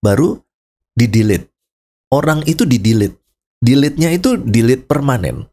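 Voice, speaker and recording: Animated man explaining theology. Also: mid-range voice. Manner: animated storyteller, chuckles, acts out scenes.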